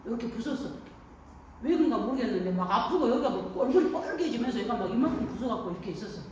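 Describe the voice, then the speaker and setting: Woman pastor, folksy call-and-response sermon, slightly high voice, distant mic in a reverberant room. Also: expressive, fast. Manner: folksy storytelling, frequent call-and-response questions. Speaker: pastor at an elder care center. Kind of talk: sermon to elderly congregation. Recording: echoey room, distant mic, faint noise.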